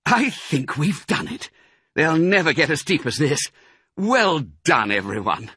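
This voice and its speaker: Man acting an excitable father fox, high and animated. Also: unhurried, breathy edge, no echo, clean studio sound, full character voice. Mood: relieved. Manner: emphatic, commanding, excitable. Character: Mister Fox, quick-witted, urgent father fox. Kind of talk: animated children's storybook reading.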